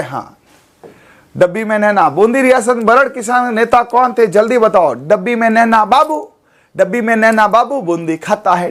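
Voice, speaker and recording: Hoarse high-voiced man teaching. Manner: quizzes students rapidly, repeats mnemonics. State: hoarse, sore throat. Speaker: exam coaching teacher. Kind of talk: animated online exam lesson.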